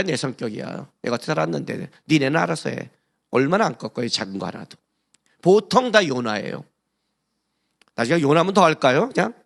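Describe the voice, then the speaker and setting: A man preaching a sermon as pastor, swinging between hushed asides and loud emphatic exclamations and putting rhetorical questions to the congregation. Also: fairly high pitch. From Korea.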